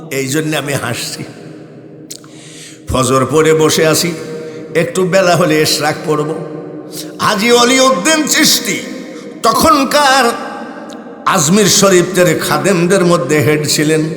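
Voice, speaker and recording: A man's voice: a little high, unhurried. Older male preacher, storytelling sermon style, acts out voices, roomy echoing hall sound. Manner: swings between loud declaiming and soft asides, acts out dialogue. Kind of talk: Bengali waz sermon with storytelling. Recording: echoey hall with long reverb.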